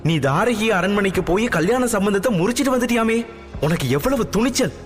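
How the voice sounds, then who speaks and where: A man doing a shrill, scolding mother. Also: animated, a little fast. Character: middle-aged mother, strict, sharp-tongued, scolding. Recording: music bed, long reverb.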